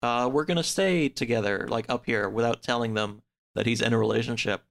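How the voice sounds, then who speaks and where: Speaking fairly quickly with vocal fry in a mid-range voice, a podcast guest recounts a story in relaxed conversation. His telling wanders, leans heavily on "like," and includes acted-out quotes from the people involved.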